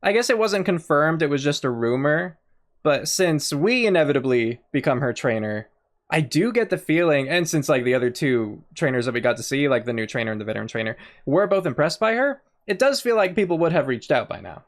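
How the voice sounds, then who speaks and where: A woman's voice: low voice, expressive, fairly quick. A woman commenting casually on a game as she plays, thinking aloud in a chatty way. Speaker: game streamer. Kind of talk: casual let's-play commentary.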